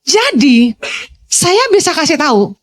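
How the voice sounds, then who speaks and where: A woman pastor, preaching to a youth congregation in a lively storytelling way, slipping in English phrases. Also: measured pace. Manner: swings to high, playful exclamations.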